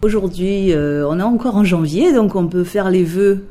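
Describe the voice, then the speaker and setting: An interviewer hosting a talk show, reading an intro and asking steady, plain questions. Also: medium pitch, normal speed, over music.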